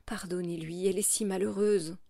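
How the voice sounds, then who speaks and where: A woman's voice: steady tone, moderate pace, gravelly, warm tone, dry recording, clean studio sound. A woman reading the part of an old maidservant who begs desperately on her knees. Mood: pleading. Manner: pleading, high and urgent. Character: distraught old female servant, begging.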